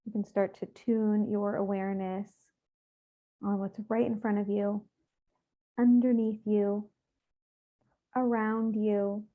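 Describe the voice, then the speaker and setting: A woman guiding a meditation speaks in a mid-pitched voice, her soft instructions spaced by pauses and delivered in a calm, unhurried, even way. The tone stays flat with little rise and fall, and the audio sounds narrow, like a phone line.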